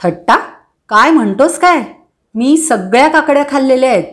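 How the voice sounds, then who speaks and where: A boastful, stubborn young man from a storybook, as a woman reading aloud puts him on. He talks in a cocky, insistent way in a fairly high voice. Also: expressive, normal speed.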